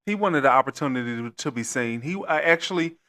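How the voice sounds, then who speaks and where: A man's voice: medium pitch, expressive, fast talker, sharp tone. Firm-spoken male co-host in casual chat.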